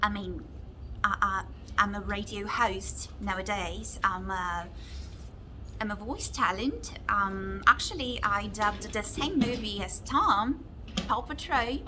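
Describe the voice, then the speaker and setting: A Brazilian woman in her thirties speaks English with a British lean she picked up on her own, her first language being Portuguese. Her delivery is halting and heartfelt, full of fillers and restarts. Her pitch sits in a middle range, and a clear hiss of noise runs under the recording. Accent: British-leaning English, self-taught. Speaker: fan and radio host. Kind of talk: heartfelt recorded video message. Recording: noisy recording.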